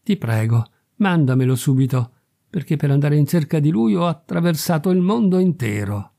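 A tearful beggar mother begs, her voice lifted and pleading, as a man reads her. She speaks with a dark, mellow tone in a raised register. The delivery is heartfelt and never harsh. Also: fairly high pitch, animated, normal speed, gravelly.

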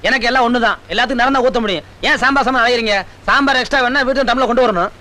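A man's voice: very high voice, rapid-fire, pushed and bright. An actor playing a village man who serves food at a wedding, answering back in a cheeky, dismissive way in a film comedy.

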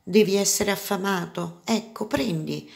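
A woman voicing a young, gentle but spirited princess in a storybook reading, sweet and earnest. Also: mid-range voice, unhurried, creaky.

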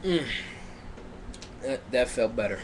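A man's voice: medium pitch, animated, slow pace, noisy background. A man reading a fanfic aloud for a livestream, sarcastic and tripping over misspelled words, cutting in with his own jokes. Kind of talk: mocking dramatic reading.

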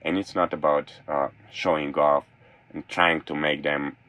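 A man's voice: extremely low pitch, little pitch movement, unhurried, fairly bright tone. A young man from Slovenia, a non-native speaker, talking enthusiastically as a guest in a casual interview from his van, often restarting his sentences. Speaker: guest, former college thrower. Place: small room in a camper van.

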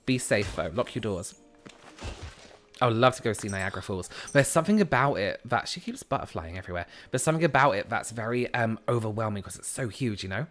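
A thirtysomething man from England with a South London accent streams a game from a small room at home, chatting casually and reading viewers' messages aloud over a headset boom mic. His pace is fairly quick, his manner chatty and animated, and he breaks into a high squeal when excited.

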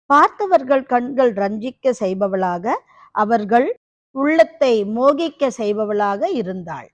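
A woman's voice: a little high, no echo. A woman narrating a novel as an audiobook, dramatic and fond of rhetorical questions.

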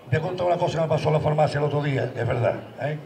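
A man with a slightly high voice spins a long joke from a carnival stage and imitates stammering voices along the way. He sounds distant from the mic. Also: very fast, creaky, mellow, reverberant. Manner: chatty storyteller, mimics stammering characters. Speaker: carnival group member telling a joke.

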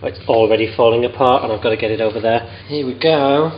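A man's voice: medium pitch, fast, echoey room, highs cut off. A man in his thirties, tired, chatting rambly and self-mockingly with lots of ums while he cooks at home, filming himself on a handheld camera. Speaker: cooking vlogger. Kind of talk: casual vlog chat. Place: home kitchen at night. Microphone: handheld camera close to face.

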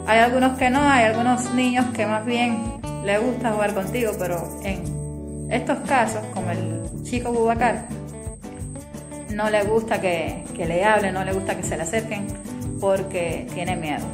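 A woman's voice: mid-range voice, normal speed. A woman with a Cuban accent vlogging from her hospital department, chatting to viewers and coaxing a crying child. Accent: Cuban Spanish. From Cuba. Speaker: vlogger and ultrasound worker. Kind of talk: casual vlog chat to viewers. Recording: music playing under the voice.

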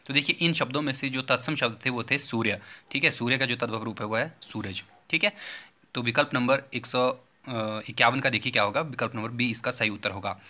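Bright-voiced man explaining exam answers. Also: mid-range voice, brisk. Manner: repetitive teacherly phrasing, steady explaining. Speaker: teacher hosting an exam-prep channel. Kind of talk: exam paper walkthrough lesson.

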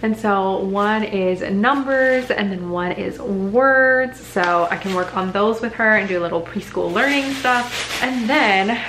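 A young woman vlogging as a mom, chatting enthusiastically about her haul, full of "like" and excitement. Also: mid-range voice, measured pace. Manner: bubbly, enthusiastic, chatty with many likes. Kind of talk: casual haul chat to camera. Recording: echoey room with faint background hum.

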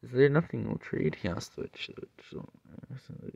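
Gravelly young man reading stumblingly. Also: medium pitch, dark tone, no room sound, dull audio. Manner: stumbling, halting reading with asides. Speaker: reader of fan stories. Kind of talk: reading fan-made stories aloud.

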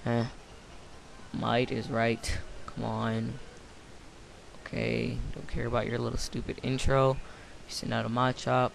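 A tired young man mumbles through a late-night game commentary in a gravelly, monotone voice. He rambles offhand with lots of ums and restarts. A faint hiss sits under the recording. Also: medium pitch, moderate pace. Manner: rambling, offhand, many fillers. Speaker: gameplay commentator. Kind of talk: casual let's-play commentary. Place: home room, late night.

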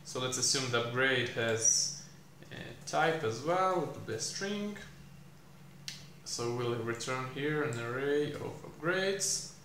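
Slow, thinking-aloud young man coding. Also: mid-range voice, expressive, bright, forceful tone. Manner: thinking aloud, many fillers and pauses. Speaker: programming tutor. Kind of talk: live coding explanation. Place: small room indoors. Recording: echoey room, faint hiss.

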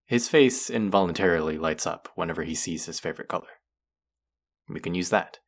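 A man with a deep voice speaks briskly as he plays the rude twin, a condescending, sardonic young college student, in a scripted audio roleplay. Addressing the listener directly, he sounds patronizing and instructive.

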